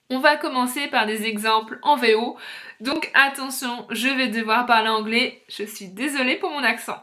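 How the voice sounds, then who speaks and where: A woman novelist hosting a book video, explaining things clearly with occasional hesitant fillers. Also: on the high side, pushed and bright. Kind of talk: informative book-talk video.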